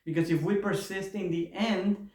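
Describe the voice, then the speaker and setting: A man's voice: sits high, fairly even intonation, moderate pace, a little mellow. A man from Argentina, giving an earnest, repetitive motivational spiritual talk. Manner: earnest, repetitive, with rising enthusiasm. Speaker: spiritual vlogger. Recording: roomy echoey room.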